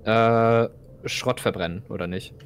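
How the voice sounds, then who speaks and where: A man's voice: fairly low pitch, fairly even intonation, a little slow, a little hiss or hum. A young man playing a video game with a friend, thinking aloud and often repeating words as he searches for them. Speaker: gamer co-playing. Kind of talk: casual gaming chat.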